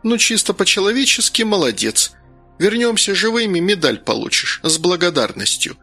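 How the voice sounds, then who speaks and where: A man voicing a stern female guard commander who gives brisk orders in an audiobook. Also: high-pitched, big pitch swings, pushed and bright, breathy edge, soft background music, pitched above the performer's own voice, exaggerated voice.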